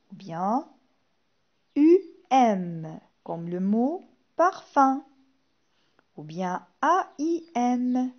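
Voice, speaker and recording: A woman teaching a phonics lesson to young children, saying each word slowly and clearly and repeating it. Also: on the high side, muffled recording. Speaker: primary school teacher.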